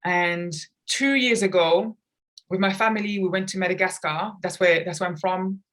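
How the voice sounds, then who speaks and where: A woman who grew up in London, England speaks in a lowish, steady, somewhat bright voice at a moderate pace. A children's author and artist, she is a guest on a conversational podcast interview, earnest and reflective, talking at length about her personal experience.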